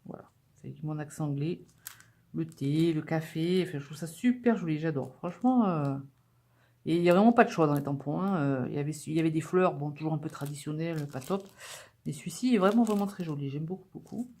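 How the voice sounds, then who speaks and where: A woman's voice: low voice, fairly quick, dark tone. A woman vlogger chatting casually to camera as she unpacks a craft-supply haul, upbeat and full of little fillers. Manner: chatty and enthusiastic, with many fillers.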